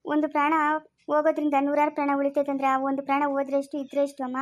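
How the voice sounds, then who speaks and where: A woman's voice: high-pitched, completely flat delivery, racing, lo-fi sound, natural voice. A woman playing an earnest, self-sacrificing poor young daughter in an amateur family drama, speaking rural Chikkaballapur Kannada. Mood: resigned. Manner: earnest, resigned.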